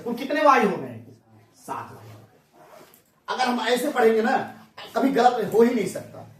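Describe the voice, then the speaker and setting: Brief: male math teacher, high voice, folksy question-and-answer style, mic far off. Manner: folksy, asks the class questions and answers them himself. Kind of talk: classroom math lesson. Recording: echoey room, mic far off.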